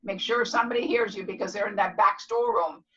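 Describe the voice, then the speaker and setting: A woman of seventy gives her class a casual pep talk as their instructor, speaking fast at a medium pitch in a steady tone. Loud, clear and emphatic, she's motherly with pet names for her listeners and keeps repeating herself to check they follow. The recording has its highs cut off.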